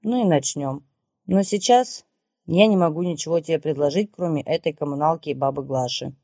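A woman's voice: sits low, fairly quick, dark tone, slightly rough, no echo, studio quality. A woman voicing an emotional, exclaiming man in an audiobook. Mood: subdued. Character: excited man, a reformed businessman.

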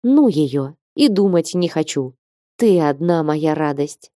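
A woman's voice: deep voice, lively intonation, takes it slowly, dark tone, dry recording, studio quality. A woman reading an audiobook and voicing a passionate young man in love, who urges and insists.

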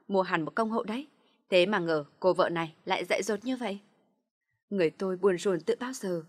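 A woman narrating a first-person dramatic story, shouting out the heroine's anguished lines. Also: medium pitch.

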